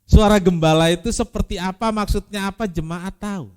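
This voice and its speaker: A man preaching a sermon as pastor, repeating key phrases and swinging from loud emphasis to quiet, intimate asides. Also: sits high, steady tone, fairly quick, clean tone.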